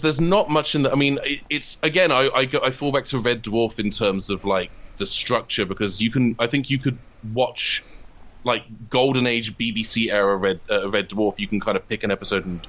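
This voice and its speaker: A British man appears as an interview guest, a comedy writer who talks casually and self-deprecatingly about his writing. His voice is lowish with a fairly bright tone.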